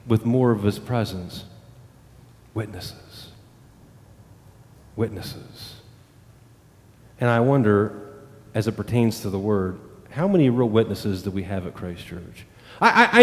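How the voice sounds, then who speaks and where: A man preaching a sermon as pastor, swinging from loud, emphatic lines to hushed, slow ones. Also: mid-range voice. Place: church sanctuary. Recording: church hall reverb.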